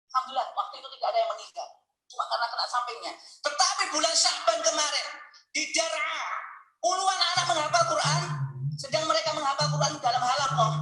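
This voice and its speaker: Male preacher, emotional storytelling sermon, bright tense voice, roomy echo. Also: extremely high pitch. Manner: emotional, earnest storytelling, addresses listeners directly. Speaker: Islamic preacher. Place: mosque hall.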